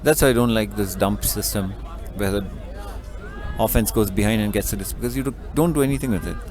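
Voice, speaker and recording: Calm analytical male color commentator. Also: lowish voice, brisk, crowd noise. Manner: analytical, explains tactics calmly. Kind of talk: live sports commentary. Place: outdoors at a sports field.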